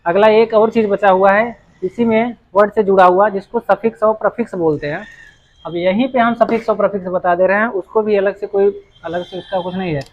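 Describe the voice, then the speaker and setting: A man's voice: high-pitched, steady tone, brisk, muffled recording. A man teaching English grammar at a board, explaining patiently and repeating himself, often restarting a phrase while he writes. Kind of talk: whiteboard lesson explanation.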